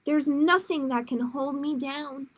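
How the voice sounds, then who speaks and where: With a high-pitched, steady voice and a measured pace, a woman leads a children's storytime. She's the librarian, reading picture books aloud in simple phrases and making casual side remarks to the kids.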